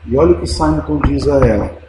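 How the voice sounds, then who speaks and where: A man with a Brazilian Portuguese accent preaching a Sunday sermon, emphatic and swinging from quiet to loud, calling his listeners brothers and dear ones. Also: mid-range voice, fast talker. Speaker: pastor. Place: church sanctuary. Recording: very echoey church with noise.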